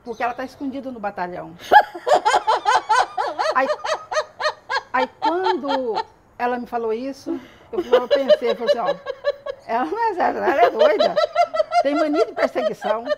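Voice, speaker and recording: Animated, laughing woman storyteller. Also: high voice, moderate pace, pauses often, lo-fi sound, heavy background noise. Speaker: police station worker. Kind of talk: casual TV chat, telling anecdotes.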